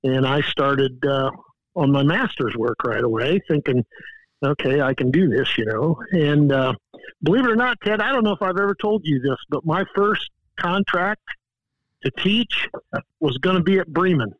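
A man in his sixties from Indiana tells old stories in a folksy, meandering way, with plenty of ums and uhs. His voice sits somewhat high. The sound is dull and lo-fi, with no room echo. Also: expressive, normal speed. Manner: folksy, rambling, many fillers. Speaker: guest coach. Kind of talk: casual storytelling.

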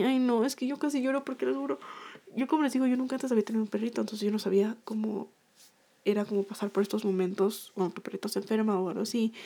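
A young woman with a gravelly, mellow voice chats to her viewers like she's telling a friend a story. She repeats herself often and stumbles through fillers and restarts. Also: mid-range voice.

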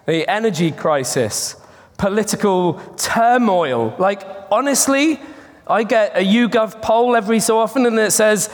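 A man's voice: high voice, animated, measured pace. A man preaching an earnest, chatty sermon at a pulpit microphone, often restarting his words. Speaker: pastor. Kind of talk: conversational sermon. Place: church sanctuary. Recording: long reverb of a church hall.

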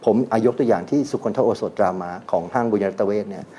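A man's voice: fairly low pitch, fast, slight background noise. A man on a radio talk show, a guest brand owner who tells his brand stories animatedly and mixes in English terms. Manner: animated storytelling, mixing English terms, laughs.

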